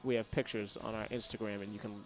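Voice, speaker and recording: A man's voice: fairly low pitch, flat delivery, fast, soft background music. A young man co-hosting a radio show, teasing his partner and rattling off plugs between laughs. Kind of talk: casual banter on a radio show.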